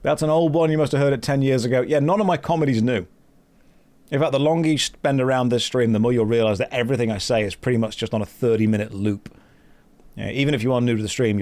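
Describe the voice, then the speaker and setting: This live streamer talks fast in a mid-range, slightly mellow voice as he plays a game. Chatting casually with his audience, he pokes fun at himself and reads chat and quest text aloud.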